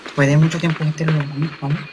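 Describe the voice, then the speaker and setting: A man's voice: fairly high pitch, level tone, quick pace. Young man, gamer commentary, short repeated phrases, self-talk, very noisy small-room recording. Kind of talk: gameplay commentary. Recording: very noisy home gaming recording.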